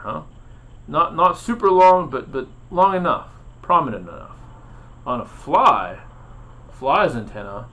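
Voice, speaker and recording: A man hosting a playful educational explainer, asking dramatic questions and chuckling often, with hesitant fillers. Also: medium pitch. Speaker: host. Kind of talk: educational explainer about insects.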